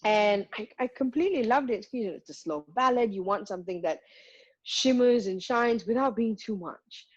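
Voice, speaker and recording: A woman's voice: fairly high pitch, expressive, normal speed, breathy edge, no room sound, highs cut off. A woman, a guest singer talking frankly and reflectively, making her points one by one. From Malaysia. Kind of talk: candid conversational interview.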